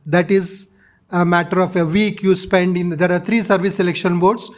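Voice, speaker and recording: High-pitched older South Indian man, measured. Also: fairly even intonation. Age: 60s. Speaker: interviewee, retired navy officer. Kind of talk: interview, recounting personal experience.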